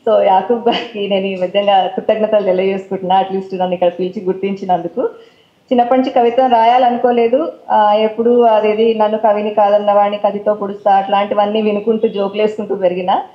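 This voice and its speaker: A woman's voice: medium pitch, fairly even intonation, a little fast, roomy sound, dull audio. A woman with a Telangana accent, a poet on stage who chats casually between poems and recites her verse in a rhythmic way. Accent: Telangana Telugu. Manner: casual talk mixed with English words. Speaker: poet reading her own work. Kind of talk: poetry recital with chatty introductions. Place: stage at a poetry forum event.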